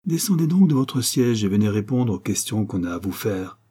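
A crafty young swindler, as a male reader puts him on in a storybook reading, firing off short, stern questions. The low, husky voice stays dark throughout. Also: big pitch swings, normal speed. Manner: brief, severe questioning.

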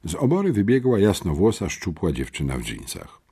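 Deep, husky male audiobook narrator. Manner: expressive storytelling with dramatic pauses.

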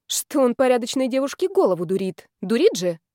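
Woman playing a bossy nosy girlfriend, loud, emphatic, brisk, audiobook. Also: a little high, sing-song, no echo, studio quality. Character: shrewd, pushy, curious female friend.

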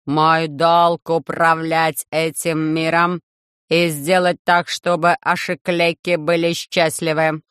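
A reader voicing a loud, harsh metallic robot ruler who speaks in slow, measured commands in an audiobook. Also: medium pitch, little pitch movement, clear, resonant tone, no echo, clean studio sound. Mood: cold commanding. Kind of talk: audiobook reading.

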